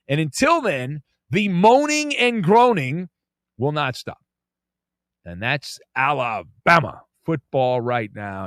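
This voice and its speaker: Animated, joking sports talk host man. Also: fairly high pitch, dry recording, studio quality. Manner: animated, joking, repeats words when starting. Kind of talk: casual sports talk commentary.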